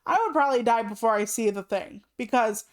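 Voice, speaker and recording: A woman's voice: on the high side, brisk. A woman in her late thirties chatting casually on a live stream, rambling through asides and swearing freely. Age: 30s. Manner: rambling asides with many "like" fillers.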